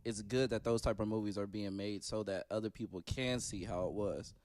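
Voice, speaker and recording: A young man in casual podcast chat, quick to push back and argue the other side. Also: lowish voice, a little mellow, slight background noise.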